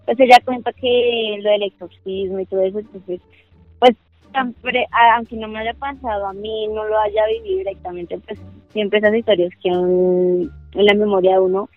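A woman's voice: medium pitch, moderate pace, dry recording, faint music behind. Hesitant woman over a phone-like line. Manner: hesitant, full of restarts and fillers. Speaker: podcast co-host. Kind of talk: casual chat. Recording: phone-like dry call audio.

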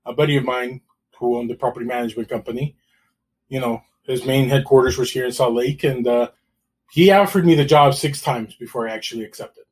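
Man, middle-aged, from El Salvador, interview guest, relaxed, wry humor, medium pitch. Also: fairly quick, breathy edge. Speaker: guest, realtor. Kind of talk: casual interview storytelling.

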